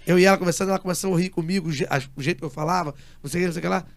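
A man's voice: sits high, fairly even intonation, racing, gravelly, no echo. A man in an interview, animatedly telling a story as a guest and acting out the dialogue he quotes. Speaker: interview guest, music producer.

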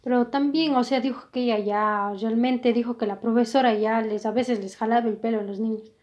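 A woman's voice: a little high, steady tone, fairly quick. A woman interviewing a teacher, asking hesitant follow-up questions. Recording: muffled lo-fi recording.

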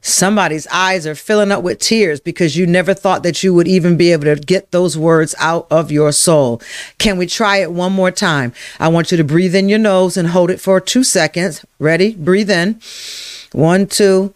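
A workshop leader running a live self-help session, speaking to viewers by name, repeating affirmations slowly and guiding breathing exercises. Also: mid-range voice, steady tone, no room sound, studio quality. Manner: slow, emphatic, repeats affirmations and guides breathing. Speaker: emotional wellness workshop leader.

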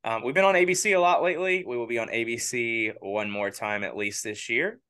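A man with a bright, forceful voice co-hosts a casual football podcast. He steers the conversation into new segments and keeps asking pointed questions. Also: mid-range voice, a little fast, clean tone. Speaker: podcast co-host. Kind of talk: casual sports chat.

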